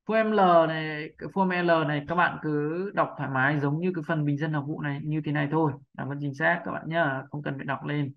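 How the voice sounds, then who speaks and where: A man giving a patient pronunciation lesson, repeating sounds slowly and asking rhetorical questions. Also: a little high, steady tone, creaky, lo-fi sound. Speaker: English pronunciation teacher. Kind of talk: video lesson.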